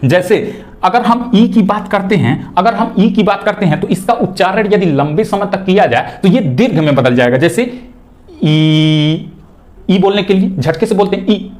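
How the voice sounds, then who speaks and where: A man's voice: high voice, a little mellow. A male teacher giving an exam-prep grammar lecture, repeating key words, asking questions he answers himself and drawing vowel sounds out long to demonstrate them.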